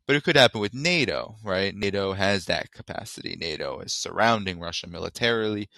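A man's voice: sits low, pushed and bright, dry recording, studio quality. A man hosting a call-in podcast, talking casually and thinking aloud with fillers. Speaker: podcast host.

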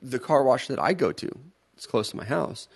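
A man's voice: medium pitch, lively intonation, normal speed, gravelly, breathy edge. A man co-hosting a talk show, telling stories casually and bluntly, swearing freely. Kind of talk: casual banter and storytelling.

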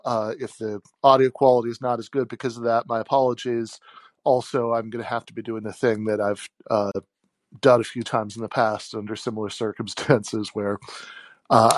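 Halting man in informal solo commentary, dry phone mic. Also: lowish voice, dry recording. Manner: halting, chuckles mid-sentence. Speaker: podcast host taking callers. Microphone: phone held like a call, no headset.

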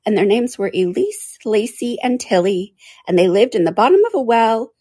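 A woman voicing a sleepy, sulky little dormouse in a storybook, hoarse and feeble. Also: fairly high pitch, lively intonation, moderate pace, dark tone, no echo, studio quality, pitched above the performer's own voice. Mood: hurried.

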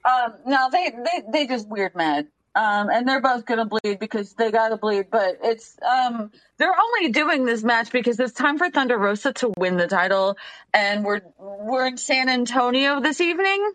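A woman's voice: a little high, normal speed, dry recording, rough recording. Emphatic woman wrestling panelist. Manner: emphatic and animated, repeats herself. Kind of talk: casual podcast chat.

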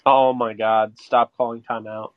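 A man co-hosting a podcast, chatting through a football game as it airs. He reacts quickly and excitably and laughs often, at a middling pitch. The sound is dry and a bit dull and lo-fi. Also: no echo. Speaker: podcast co-host. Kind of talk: casual live game commentary.

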